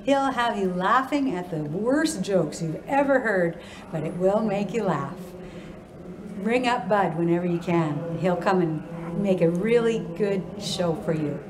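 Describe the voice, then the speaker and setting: A woman's voice: mid-range voice, expressive, unhurried. An older woman delivering a polished, prepared endorsement. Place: indoors against a door. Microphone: phone or camera a short distance away. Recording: clear background noise.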